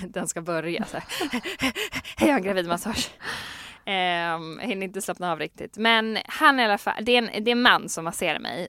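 Smooth-voiced pregnant woman, podcast chat. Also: lowish voice, no echo, studio quality. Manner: animated storytelling, laughs often, acts out quotes. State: heavily pregnant. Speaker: podcast co-host. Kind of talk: casual chat.

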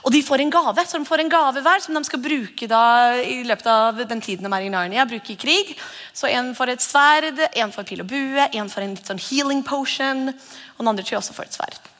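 In a church hall full of long reverb, a woman pastor delivers a conversational sermon, acting out whispered voices in a high, slightly bright voice.

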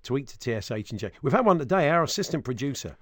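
A man's voice: medium pitch, big pitch swings, fast, dry recording. A man hosting a casual sports radio show, telling rambling, jokey anecdotes into a close studio microphone.

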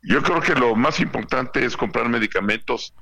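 A man's voice: mid-range voice, animated, normal speed, sharp tone. A Mexican man speaking as an industry director on a phone line into a radio show, explaining in a friendly way with "este" fillers and "¿no?" tags.

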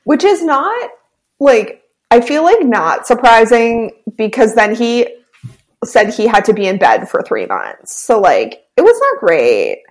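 A woman's voice: on the high side, huge pitch swings, unhurried. A woman co-hosting a casual chat podcast, giggly and agreeable. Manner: giggly, agreeable, many "yeah"s. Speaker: podcast co-host.

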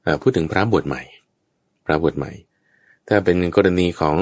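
A man's voice: a bass voice, animated, moderate pace, darkish tone, slightly rough, no echo. A man teaching Buddhist Dharma in a conversational way, explaining patiently and checking that his listener understands.

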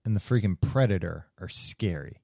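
A man's voice: deep voice, animated, normal speed, gravelly, darkish tone, no room sound. A man co-hosting a podcast, chatting casually in a dry, teasing way and laughing often. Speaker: podcast co-host. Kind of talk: casual comedic chat.

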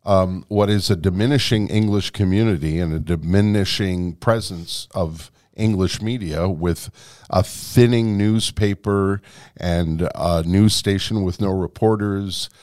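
A man with a lowish voice hosting a conversational interview. He listens attentively and chimes in with agreement often. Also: measured pace, darkish tone. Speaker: host.

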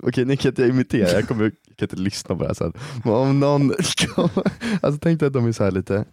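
A man's voice: mid-range voice, expressive, warm tone, no room sound, studio quality. A man co-hosting a podcast, teasing and laughing often in casual chat. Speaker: podcast co-host.

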